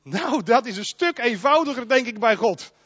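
A male pastor delivers a sermon, animated and emphatic, talking straight to the people in the pews. His voice sits high and moves widely in pitch. The recording is dry and slightly lo-fi. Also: moderate pace, breathy edge, no room sound. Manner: animated, emphatic, addresses the congregation directly.

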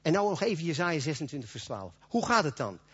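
Guy preaching, chatty and folksy, pretty high voice, kinda husky, dull lo-fi sound. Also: sing-song, fast talker. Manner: folksy, conversational preaching with acted-out quotes. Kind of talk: sermon. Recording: dull lo-fi recording.

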